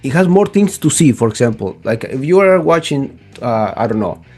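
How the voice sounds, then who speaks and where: A male show host interviews a singer casually, asking eager, enthusiastic questions. His medium-pitched voice is sing-song and a little mellow, at a moderate pace, with soft background music.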